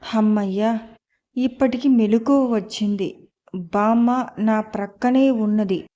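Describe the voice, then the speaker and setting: Brief: woman reading as a scared young woman half-waking from a nightmare, slow and low-voiced, lo-fi muffled. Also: warm tone. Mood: relieved. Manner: weak, pleading. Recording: slightly muffled lo-fi.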